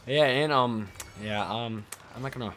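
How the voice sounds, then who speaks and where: A young man giving casual, excitable commentary while playing a game, swearing and shouting at plays. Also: mid-range voice, moderate pace, slight background noise. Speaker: gameplay streamer.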